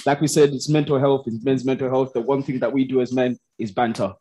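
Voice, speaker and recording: A man's voice: mid-range voice, flat delivery, fast, dark tone. A man, an upbeat and chatty host giving thanks at the close of a live panel. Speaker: podcast host. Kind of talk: closing remarks at a live panel. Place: community studio with live audience.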